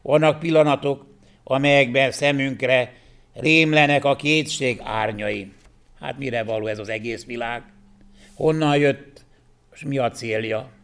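Gravelly declamatory male preacher. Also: medium pitch, a bit bright. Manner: declamatory, rising and falling for emphasis. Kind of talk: sermon.

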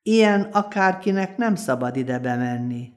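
A woman's voice: sits low, animated. A woman voicing a greedy, scheming palace guard in a folk tale, speaking mockingly and haggling. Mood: scornful.

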